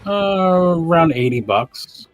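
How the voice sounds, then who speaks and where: A man's voice: a little high, lively intonation, takes it slowly, no echo, soft background music. A man in his fifties chatting candidly on a livestream as a guest, talkative and freely swearing. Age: 50s. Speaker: guest collector. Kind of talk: casual chat on a charity livestream.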